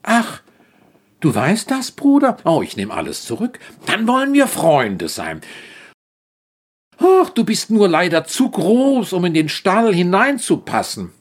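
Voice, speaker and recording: A man voicing a gentle, devoted male donkey, telling the story in character with a soft, wondering manner. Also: sits high, huge pitch swings, a little slow, heavily acted.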